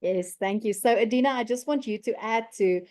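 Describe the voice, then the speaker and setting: A woman's voice: a little high, normal speed, a little mellow. A woman from Africa, co-hosting a podcast, who affirms others often and introduces the guest. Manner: affirming, frequent murmured agreement. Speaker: podcast co-host. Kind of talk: casual conversational.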